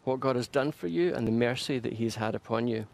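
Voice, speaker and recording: A man's voice: mid-range voice, fast talker, gravelly, a little mellow. A male pastor preaching a sermon, earnest and emphatic, building momentum through repeated phrases. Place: church.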